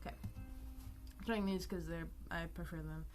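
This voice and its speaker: A woman's voice: fairly low pitch, steady tone, measured pace, darkish tone. A young woman chatting casually on a live art stream at home, rambling, joking at herself and swearing freely. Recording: music playing behind the voice. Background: music.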